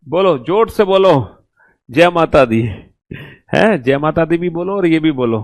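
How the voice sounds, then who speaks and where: Guy teacher running a class, kinda high voice, coaxing the kids, drills letters one by one, dry sound. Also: expressive, a little slow, dry recording. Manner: drills students loudly, letter by letter; addresses students as beta, coaxing. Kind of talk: recorded online class lesson.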